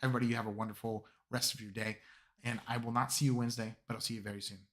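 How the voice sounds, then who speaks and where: A man hosting a live stream, with a voice still raspy from a cold, chatting upbeat and casual with his viewers. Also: medium pitch, level tone, rapid-fire, fairly bright tone. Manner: upbeat, talks to chat. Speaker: streamer host.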